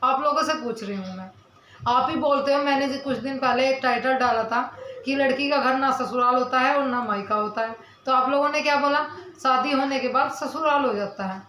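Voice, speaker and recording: A woman's voice: high voice, normal speed, sharp tone, echoey room, slight background noise, rough recording. A young woman vlogger talking to camera, earnestly answering her viewers' comments and defending herself while in some pain from her mouth. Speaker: village vlogger.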